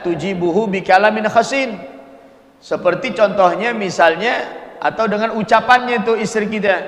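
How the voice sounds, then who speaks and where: Man, religious teacher, slightly high voice, long echoing mosque reverb. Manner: casual, lively preaching mixing in Arabic quotes. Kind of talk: mosque study-circle sermon. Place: mosque hall.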